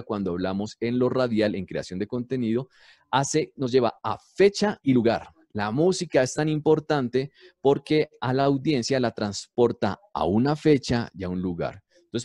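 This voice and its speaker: A man who teaches and produces university radio, explaining storytelling in a lively way and answering his own rhetorical questions. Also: medium pitch, dry recording, clean studio sound. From Colombia.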